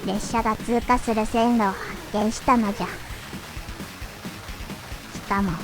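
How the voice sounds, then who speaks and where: A woman's voice: fairly high pitch, steady tone, measured pace, low-quality recording. A woman giving scripted gameplay commentary as a playthrough host, phrasing things in the quaint manner of an elderly sage. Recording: loud game music behind voice. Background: loud video game music.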